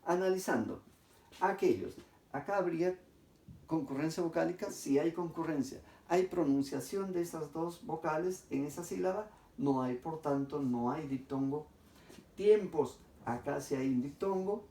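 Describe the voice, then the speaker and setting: Man teacher, methodical classroom explainer, mellow tone, roomy distant sound. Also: a little high. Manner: methodical, addresses class, dictates slowly syllable by syllable. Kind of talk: grammar lesson. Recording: echoey room, distant mic.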